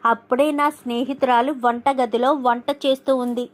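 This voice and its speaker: A woman with a high voice recaps a television serial episode, quickly narrating each scene as it unfolds. She voices the characters' lines herself without changing into a new voice. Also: level tone.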